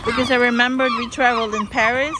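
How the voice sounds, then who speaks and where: A woman's voice: a little high, flat delivery, fast. A woman gives casual, delighted running commentary outdoors in a park, often repeating short exclamations. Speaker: family vlogger filming an outing. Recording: noisy outdoor park recording. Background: honking geese and park ambience.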